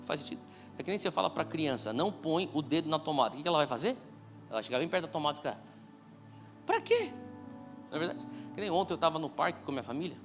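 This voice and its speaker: A man's voice: fairly high pitch, animated, racing, over music. A man preaching a sermon, telling a family story and acting out the dialogue with big voice swings. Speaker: pastor.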